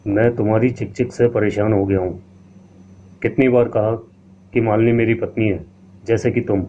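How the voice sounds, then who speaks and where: A man's voice: on the low side, fairly even intonation, normal speed, warm tone, close to an everyday voice. A man voicing a scheming wealthy male haveli owner, stern and dismissive. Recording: tinny lo-fi line with faint hiss.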